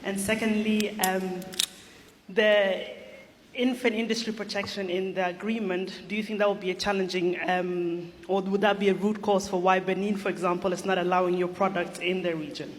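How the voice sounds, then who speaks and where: Woman from South Sudan, audience question, measured and articulate, echoey room. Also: mid-range voice, fairly even intonation. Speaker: audience member asking a question. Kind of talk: formal question from the floor. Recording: echoey hall with faint noise.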